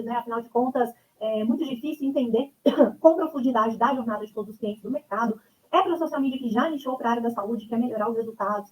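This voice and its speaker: A woman's voice: on the high side, darkish tone, low-quality recording. A woman in her thirties with a Brazilian accent, presenting her online course as a chatty instructor who keeps checking in with her listeners. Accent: Brazilian Portuguese. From Brazil (Goiânia). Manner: chatty, leans on tags like "né?" and "tá?". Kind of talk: webinar presentation.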